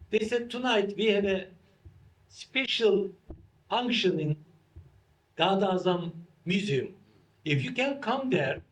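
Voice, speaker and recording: High-voiced man in halting English. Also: low-quality recording. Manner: halting non-native English in short phrases. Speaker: interview guest, institute founder. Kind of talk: unscripted interview talk.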